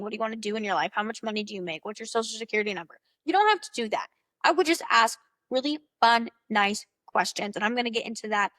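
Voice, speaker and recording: A young woman giving casual, upbeat dating advice to camera, chatty and full of "like" and "literally", acting out quoted lines in a high excited voice. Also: no echo.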